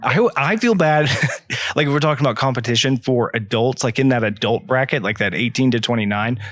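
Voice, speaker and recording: A man's voice: medium pitch, brisk, a bit bright, dry recording. A man in his thirties, a guest gym owner, explaining things in easygoing, frank casual chat. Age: 30s.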